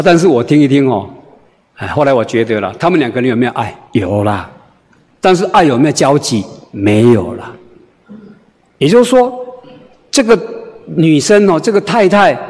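A male preacher, telling a humorous story in a sermon in an animated, conversational way, full of "ah" and "oh" fillers. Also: medium pitch, long reverb tail.

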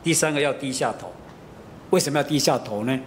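A man's voice: medium pitch, brisk, a little hiss or hum. A middle-aged man with a Taiwanese Mandarin accent preaching a sermon. He tells stories with many fillers and slips into Taiwanese.

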